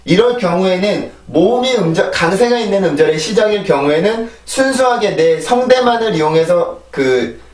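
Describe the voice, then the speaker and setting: A man's voice: high-pitched, lively intonation, moderate pace, few pauses, darkish tone, reverberant, recorded from a distance. A man teaching English pronunciation in an online lesson, patiently repeating each drill word several times. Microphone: small clip-on mic with phone camera.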